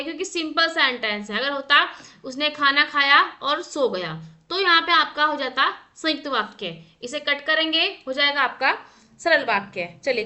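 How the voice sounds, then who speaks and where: A woman's voice: high voice, sharp tone. A woman teacher running an exam practice lesson, reading out options, asking for answers and correcting herself as she thinks aloud. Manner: quizzing, reads out options then asks for the answer.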